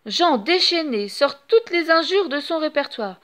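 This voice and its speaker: High-voiced woman reading a children's story. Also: unhurried. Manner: expressive, animated storytelling. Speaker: storybook reader. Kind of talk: reading a children's audiobook aloud.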